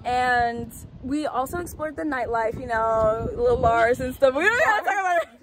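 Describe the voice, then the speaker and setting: Brief: upbeat woman vlogger with a high voice, filming herself on a phone, with clear street noise behind her. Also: expressive, normal speed, fairly bright tone. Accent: Haitian-American. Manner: chatty, upbeat, talks to viewers. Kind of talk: casual travel vlog.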